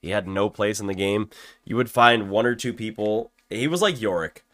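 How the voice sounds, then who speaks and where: A man's voice: on the low side, normal speed, a bit bright. A man co-hosting a casual podcast chat, laid-back, swearing freely and laughing often. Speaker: podcast co-host.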